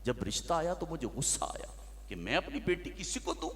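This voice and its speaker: A man's voice: fairly high pitch, big pitch swings, brisk, big-room sound, voice pushed up. A male preacher voicing a remorseful father who confesses his past with sorrow. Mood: sorrowful.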